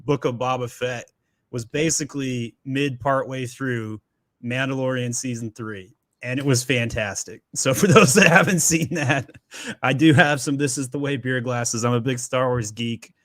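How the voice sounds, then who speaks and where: A man's voice: medium pitch, moderate pace, a bit bright, no room sound. A male host of a live Q&A, upbeat and chatty, asking questions with joking asides. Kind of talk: live Q&A interview.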